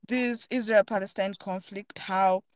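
Woman, podcast host, earnest and reflective, mid-pitched voice, dry close sound. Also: steady tone, a little slow, a little mellow, no echo. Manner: earnest, thoughtful, searching for words. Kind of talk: casual reflective chat.

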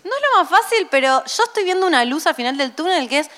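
High-voiced chatty Argentine woman. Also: fast talker, long reverb tail. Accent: Rioplatense Spanish. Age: late 30s. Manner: chatty, animated storytelling. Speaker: podcast co-host. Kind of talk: casual chat.

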